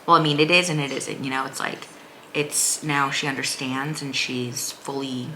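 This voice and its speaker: Mom vlogger rambling casually, low bright voice, some steady noise behind her. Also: normal speed, rough recording. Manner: rambling, informal, frequent "like". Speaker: vlogger, mother of a young child. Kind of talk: casual chatty vlog recap.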